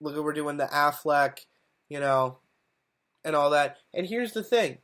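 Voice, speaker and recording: A man's voice: a little high, lively intonation, measured pace, fairly bright tone. A man co-hosting a podcast in casual chat, hesitant and full of ums and you-knows. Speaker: podcast co-host.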